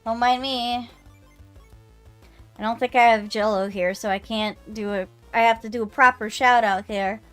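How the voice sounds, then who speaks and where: Woman, fairly high voice, casual game commentary, live streamer, faint music. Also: steady tone, normal speed, fairly bright tone, smooth.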